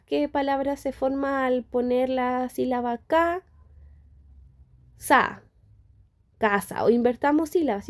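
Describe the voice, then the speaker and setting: A woman's voice: fairly high pitch, mellow. A young woman giving a lecture to students, explaining step by step and checking in with short questions. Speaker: speech therapy lecturer.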